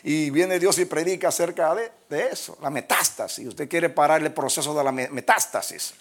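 A man preaches a sermon in a voice pitched a little above most men's. He swings between loud, emphatic bursts and quiet, hushed stretches. He chuckles at his own jokes. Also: normal speed. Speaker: pastor.

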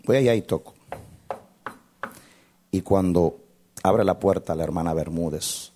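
A male pastor telling a story in a sermon, dramatic, swinging from shouts to hushed tones. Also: sits low, measured pace.

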